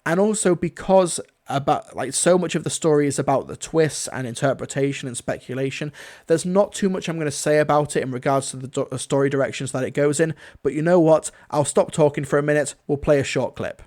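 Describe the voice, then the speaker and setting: A fairly high-pitched, brisk male voice with a darkish tone. He hosts a casual, off-the-cuff review livestream, rambling along with plenty of enthusiasm.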